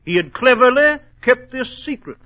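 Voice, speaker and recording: An actor playing an earnest gentleman doctor and storyteller, precise and excitable, in 1940s radio style on a muffled recording. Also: extremely high pitch, moderate pace, heavily acted. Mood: genial storytelling.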